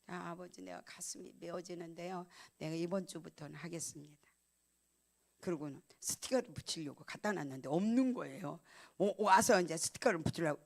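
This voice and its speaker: A woman's voice: lowish voice, gravelly. Woman pastor preaching with emotion. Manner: emotional storytelling, swings from loud emphatic calls to hushed near-whispers. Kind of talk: sermon.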